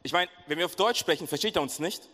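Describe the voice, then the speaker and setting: Fast-talking young preacher in a reverberant hall. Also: male voice, fairly high pitch. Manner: casual, animated storytelling with slang. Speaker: pastor. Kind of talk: sermon with a lively personal story. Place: church service hall. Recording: echoey hall.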